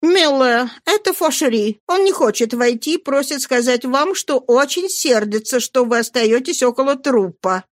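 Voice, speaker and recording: A woman's voice: high-pitched, expressive, a little slow, hardly any pauses, no room sound, studio quality, voice pushed up. A woman voicing Gaga, an aging courtesan who talks in a coaxing, motherly way. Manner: coaxing, affectionate.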